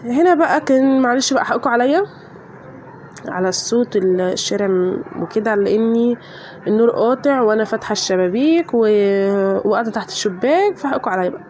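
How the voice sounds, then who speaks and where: A woman's voice: on the high side, lively intonation, fast, a little mellow, a little hiss or hum. An Egyptian woman, a mother vlogger with a voice changed by a cold, chatting and joking with viewers about her kids' laundry. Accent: Egyptian Arabic. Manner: chatty, swears oaths, laughs often. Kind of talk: casual voice-over chat.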